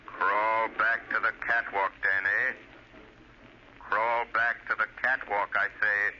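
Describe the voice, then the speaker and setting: An actor playing a commanding, resolute crime-fighting hero in a 1940s radio drama, speaking with measured, theatrical authority. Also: male voice, on the low side, level tone, bright, forceful tone, exaggerated voice. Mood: grave, insistent. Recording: dull, noisy old radio recording.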